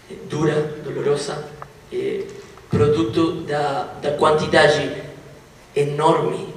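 A man, a native Spanish speaker with a Spanish accent in Portuguese, tells comic stories between songs as a musician on stage, haltingly searching for words. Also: fairly high pitch. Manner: halting, groping for words in a second language. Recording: distant, very echoey live hall, faint noise.

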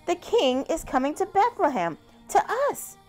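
A tiny, sweet girl mouse from a children's storybook, as a woman reading aloud puts her on. Her high, earnest voice rises with hope, set against faint music. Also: big pitch swings, normal speed, darkish tone.

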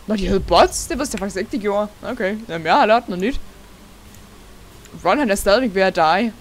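A young adult host with a mid-range voice provides let's-play commentary over a game. He's excitable and laughs a lot, sprinkling English words into what he says.

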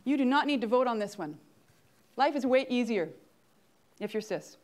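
Speaking at normal speed in an expressive, somewhat high voice, a Canadian woman in her forties delivers an interactive lecture on an auditorium stage as a grand rounds guest speaker. She frequently checks in with her audience.

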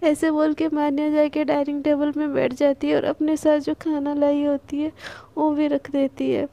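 A woman's voice: high voice, level tone, normal speed, creaky, mellow, no room sound. A woman storyteller narrating a love story in a chatty way, talking straight to her listeners. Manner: chatty, addresses listeners directly.

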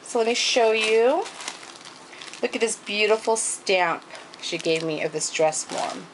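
A woman's voice: medium pitch, a little slow, background noise. A woman craft vlogger showing off gifts in a casual show-and-tell, gushing and thanking people over and over. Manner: gushing, repeats thanks and praise.

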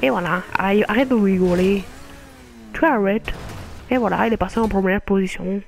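A man's voice: sits high, moderate pace, vocal fry. Male gamer, casual commentary, teasing and scolding a friend, close mic. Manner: playfully scolds a laughing friend over and over. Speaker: gaming video host.

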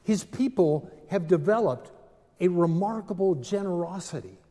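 An older man preaching a sermon from a pulpit in a large stone church, measured and deliberate with dramatic pauses. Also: high-pitched, lively intonation, dark tone. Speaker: pastor. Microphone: pulpit microphone, far camera. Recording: long church reverb.

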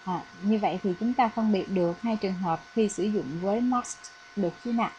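A woman's voice: medium pitch, brisk, darkish tone, dull audio, a little hiss or hum. A woman from Vietnam, an English teacher, explaining a lesson patiently with frequent fillers. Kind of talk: recorded classroom lesson.

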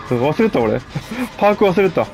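A man with a gravelly voice, chatting casually and mocking himself as he comments on his own game play. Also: fairly high pitch, sing-song, a little slow, a little mellow, faint music behind. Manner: chatty, self-mocking, frequent laughs. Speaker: gameplay commentator.

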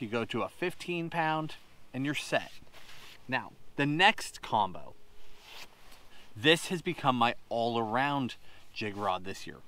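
A man's voice: medium pitch, fairly bright tone. Male host in his 30s, keen, hands-on tackle rundown, recorded on a boat out on a lake. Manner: enthusiastic, practical, talks with his hands. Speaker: fishing show host. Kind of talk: gear explainer to camera. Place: on a boat on an open lake outdoors.

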